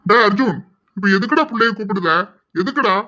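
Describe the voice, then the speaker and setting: A man's voice: high-pitched, brisk, bright, forceful tone. A man doing a bossy, scolding father. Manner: scolding, demanding answers. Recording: slightly dull lo-fi audio.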